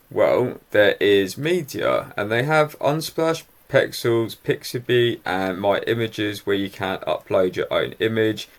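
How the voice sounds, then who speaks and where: A man with a low voice talks the listener through a piece of software, step by step. His manner is upbeat and explanatory, like a screen-recorded tutorial. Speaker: software reviewer.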